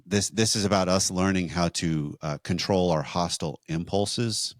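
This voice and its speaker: A man co-hosting a marriage podcast, teaching in a measured, explanatory way with rhetorical questions. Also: low-pitched, steady tone, dry recording, studio quality.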